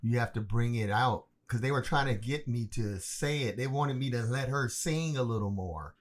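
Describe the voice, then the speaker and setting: A man co-hosting a podcast, talking in a relaxed, colloquial way and laughing easily. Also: medium pitch, moderate pace. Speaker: podcast co-host. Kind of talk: casual interview chat.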